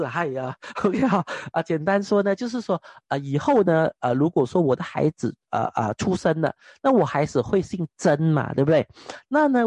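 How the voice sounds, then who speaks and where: A young male preacher delivers a personal testimony sermon with a noticeably high voice. He is animated, often turning to his listeners with rhetorical questions. The sound is dry and close, with no room echo. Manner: animated, keeps asking the audience rhetorical questions.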